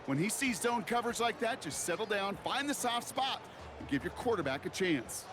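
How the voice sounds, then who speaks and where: A man's voice: high voice, lively intonation, normal speed. A man voicing a seasoned football analyst in a video game, explanatory and emphatic, with an American accent. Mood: analytical. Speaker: color commentator. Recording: noisy game audio.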